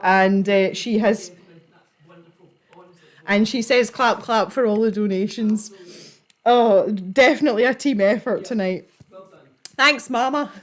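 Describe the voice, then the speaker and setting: A woman's voice: medium pitch, takes it slowly, pauses often. A giggly woman with a Scottish accent, chatting informally as she hosts a livestream. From Scotland. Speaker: livestream host. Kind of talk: casual chat to a live audience.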